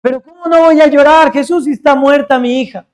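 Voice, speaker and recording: A man's voice: very high voice, steady tone, fairly quick, pitched above the performer's own voice. A preacher voicing an anguished father pleading. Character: anguished father begging for his dying daughter.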